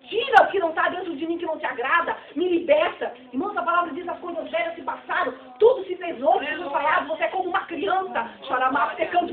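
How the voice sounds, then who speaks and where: High-voiced fervent Brazilian woman preaching. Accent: Brazilian Portuguese. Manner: fervent, emphatic preaching that swells into shouting. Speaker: preacher at a church fellowship. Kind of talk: sermon. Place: church hall. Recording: tinny, distant, echoey church recording.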